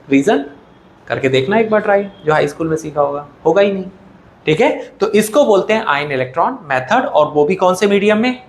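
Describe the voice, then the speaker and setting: A man's voice: sits high, fairly bright tone. A male chemistry teacher giving a classroom lecture, addressing students as "beta" and asking and then answering his own questions. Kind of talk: classroom lecture in Hindi-English mix. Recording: echoey room with faint background noise.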